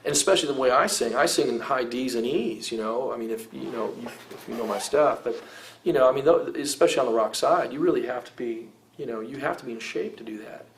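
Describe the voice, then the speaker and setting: A middle-aged rock singer gives advice in a casual interview, rambling quick-paced with heavy use of "you know" and "I mean" and frequent restarts. His voice is mid-range, with slight background noise.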